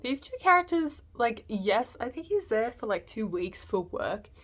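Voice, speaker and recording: A woman's voice: a little high, sing-song, measured pace. A woman giving a casual, unscripted film review, hesitant and rambling as she thinks aloud.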